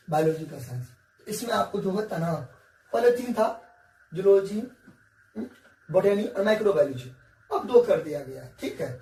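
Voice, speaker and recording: A man's voice: high voice, a little mellow. A male teacher, giving a whiteboard science lesson in a coaxing, repetitive way and often checking that students follow. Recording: echoey room, distant mic, faint hiss.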